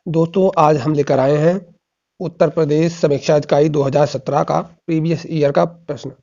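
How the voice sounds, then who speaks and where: A male teacher running a casual exam-prep lesson, his voice gravelly and somewhat high for a man. He drills each answer by asking a question and repeating the reply. The recording sounds dull and lo-fi. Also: fairly even intonation, normal speed, warm tone.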